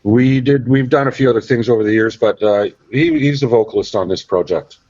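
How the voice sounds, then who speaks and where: A Canadian man, appearing as a podcast guest, rambles casually through an interview chat with lots of fillers. His voice is medium-pitched and darkish, fairly quick, and the recording sounds dry and dull.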